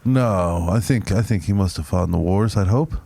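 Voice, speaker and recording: A man's voice: deep voice, normal speed, creaky. A man co-hosting a podcast who tells stories casually, swearing now and then and acting out both sides of the conversation. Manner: animated storyteller, acts out both sides of a story; swears casually, says bro. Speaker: podcast co-host.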